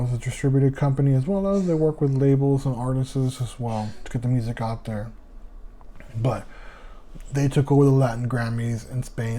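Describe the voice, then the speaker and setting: Hosting a laid-back music podcast by himself, a man with a fairly high, warm voice and a lisp wanders from point to point. Foreign names trip him up, and he addresses his audience as "y'all."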